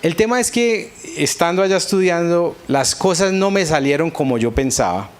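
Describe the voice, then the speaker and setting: Earnest Colombian preacher, higher-pitched voice. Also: male voice, expressive, moderate pace. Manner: earnest, personal storytelling, acts out his own past prayers. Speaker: pastor. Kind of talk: sermon.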